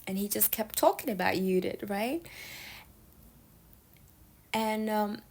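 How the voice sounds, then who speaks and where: Woman from somalia chatting through a story, bit of vocal fry, keeps going "yeah? right?". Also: medium pitch, expressive, slow pace, a little mellow, low-quality recording. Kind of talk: casual storytelling monologue.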